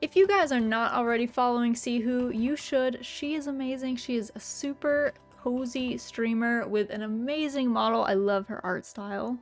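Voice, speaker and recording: A woman's voice: on the high side, normal speed, hardly any pauses. A woman livestreamer chatting casually in a cute, bubbly anime-streamer manner, chatty and giggly. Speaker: VTuber streamer, host. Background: music.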